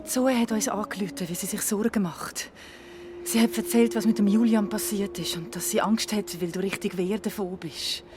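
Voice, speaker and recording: A woman playing a comforting mother, speaking softly in a whispered role-play. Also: mid-range voice, steady tone, moderate pace, noisy background, close to an everyday voice. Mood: soothing. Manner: soft, soothing.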